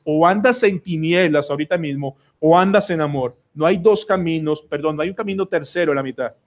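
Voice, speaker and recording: A Colombian man preaching a sermon as pastor, emphatic and pleading, putting question after question to the congregation. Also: fairly high pitch. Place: church sanctuary.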